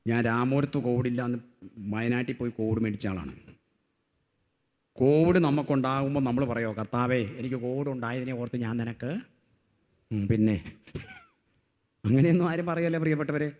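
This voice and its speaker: A middle-aged man preaching a sermon. He tells stories in a low voice, then loudly calls on the congregation to repeat his words after him. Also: moderate pace, long pauses. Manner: rousing call-and-response, has the crowd repeat after him; swings from loud emphatic cries to low storytelling. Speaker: lay preacher.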